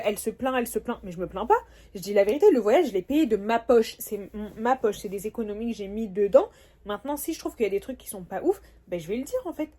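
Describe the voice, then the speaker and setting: A woman's voice: a little high, dark tone. A young woman talking frankly and bluntly to her phone camera in a casual travel vlog, from a room at night. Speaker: vlogger.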